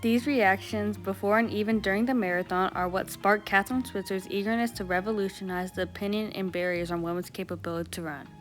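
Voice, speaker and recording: A woman reading scripted documentary narration in a clear, measured way. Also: mid-range voice, fairly even intonation, soft background music. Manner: clear, measured read-aloud delivery.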